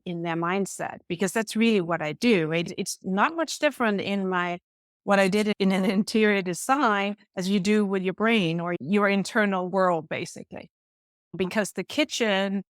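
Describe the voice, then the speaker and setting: Her voice mid-range, clear and resonant, a middle-aged Danish woman talks earnestly and emphatically about her coaching work as an interview guest giving conversational answers. The audio is clean studio sound with no room sound.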